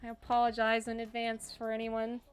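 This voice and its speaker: A woman's voice: fairly high pitch, completely flat delivery, a little fast, clear, resonant tone, faint music behind. A woman streamer reading a dating game aloud, with playful, jokey asides.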